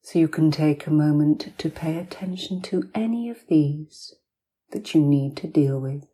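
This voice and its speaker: A woman host speaking softly and soothingly in a breathy, near-whispered voice, narrating guided hypnosis like a sleep story, with long pauses between short phrases. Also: low-pitched.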